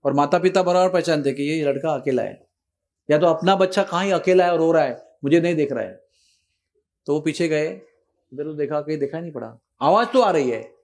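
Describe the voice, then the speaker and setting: A man telling a devotional story in a sermon, animated and switching between Hindi and English. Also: fairly high pitch, fairly quick. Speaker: spiritual teacher.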